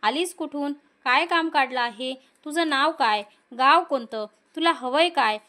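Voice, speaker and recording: A woman plays a palace maidservant in a told folk tale, brisk and questioning. Her voice sits fairly high. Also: pushed and bright. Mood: brusque. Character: palace maidservant, blunt then humble.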